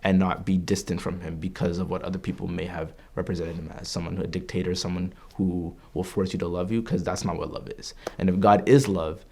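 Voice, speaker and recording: His voice sits low and darkish with a breathy edge, steady in tone and brisk with hardly any pauses. He is a Canadian man in his early twenties, a religious studies student offering an earnest, reflective testimony full of fillers and restarts.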